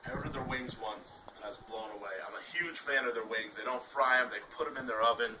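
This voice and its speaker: A man's voice: medium pitch, fairly even intonation, fast, over a noisy crowd. A man co-hosting a casual talk show, rambling with hesitant fillers. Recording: distant, noisy room.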